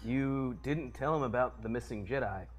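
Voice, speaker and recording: A man voicing a scheming, smugly commanding dark lord in a comic script read. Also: mid-range voice, moderate pace, natural voice.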